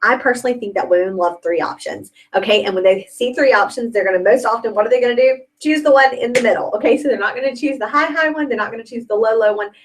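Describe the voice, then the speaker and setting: A woman's voice: fairly high pitch, fast talker, hardly any pauses, rough recording. A young woman coaching a sales team in a chatty, upbeat way, often checking in with "okay?". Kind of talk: sales training talk.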